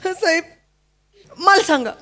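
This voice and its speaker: An actress playing a tearful, frightened village housemaid in a stage comedy sketch, with pleading, rustic speech. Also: female voice, very high voice, expressive, slow, bright, forceful tone, heavily acted. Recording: stage show with music behind.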